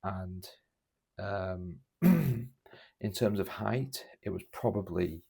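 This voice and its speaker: Young man, low and gravelly, chatty, meandering podcast storyteller. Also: drawn-out words, mellow. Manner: rambling, filler-heavy, many restarts. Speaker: podcast host. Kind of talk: casual storytelling.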